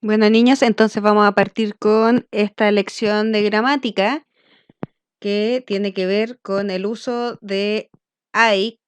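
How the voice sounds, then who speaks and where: Woman, Chilean accent, patient grammar teacher for kids, smooth voice, dry close sound. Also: medium pitch, no room sound. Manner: patient, explanatory, checks in with "¿ya?". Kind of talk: grammar lesson for children.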